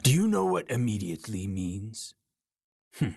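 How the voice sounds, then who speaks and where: An actor playing a proud, paranoid warrior king in a game cutscene, with a gravelly, husky voice and an imperious, scornful manner. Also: fairly low pitch, very animated, darkish tone, no room sound, clean studio sound, exaggerated voice. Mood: cold, dismissive. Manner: imperious, scornful, slow and deliberate. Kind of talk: dramatic video game cutscene acting.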